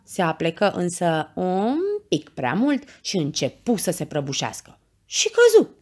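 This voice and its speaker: Husky, low-voiced woman reading a bedtime story. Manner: expressive, animated narration.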